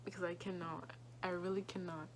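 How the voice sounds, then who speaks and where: A young woman talking in a halting, quiet way, tearful and grieving, often repeating herself. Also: lowish voice, level tone, background noise. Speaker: vlogger. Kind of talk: emotional personal vlog.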